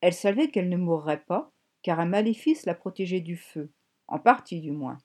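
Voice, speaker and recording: Mellow woman narrating a novel. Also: fairly low pitch, lively intonation, moderate pace. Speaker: audiobook narrator. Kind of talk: scripted narration.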